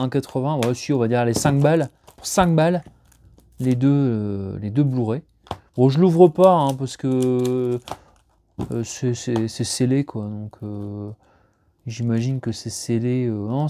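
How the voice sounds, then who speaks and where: At home, a man opens up discs while talking casually, rambling through many fillers and restarts. When he gets excited, his pitch jumps up.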